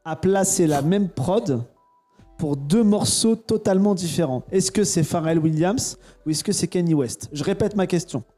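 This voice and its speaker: A man's voice: high-pitched, moderate pace, dark tone, soft background music. A man in his thirties hosting a casual podcast quiz, teasing and playful. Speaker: podcast host.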